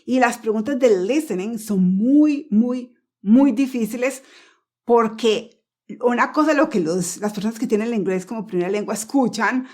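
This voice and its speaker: A woman teaching pronunciation in a relaxed, chatty way. Her first language is Spanish. She circles back over points and keeps asking if the listener is following. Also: mid-range voice. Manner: chatty, repeats words, asks "¿ok?" often; slows down sharply to model English phrases. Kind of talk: casual explanatory lesson.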